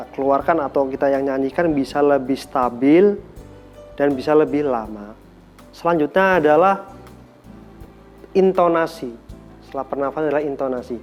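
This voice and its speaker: A man's voice: medium pitch, darkish tone. A man teaching an online singing lesson, explaining breathing and demonstrating scales. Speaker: music lecturer.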